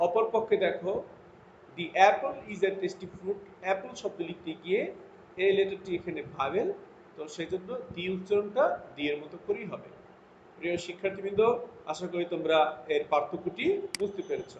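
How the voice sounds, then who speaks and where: A man teaching an English grammar lesson to students, reading his English example sentences out slowly and deliberately between his explanations. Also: high-pitched. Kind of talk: recorded classroom lesson. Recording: lo-fi echoey room with faint noise.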